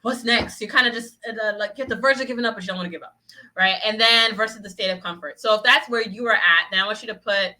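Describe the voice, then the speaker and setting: A woman coaching business owners in a quick, lively talk, tagging her points with "right?" as she goes. Her voice is bright and forward, and she rattles along at a brisk clip. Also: medium pitch, poor audio. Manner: upbeat, peppers sentences with "right?"; acts out little voices of clients. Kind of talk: motivational solo podcast talk.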